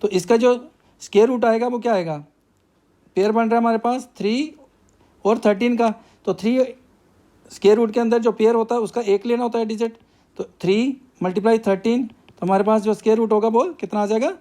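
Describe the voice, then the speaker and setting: A man's voice: very high voice, fairly even intonation, fairly quick, warm tone. A male math teacher, working through a problem step by step and asking himself questions before he answers them.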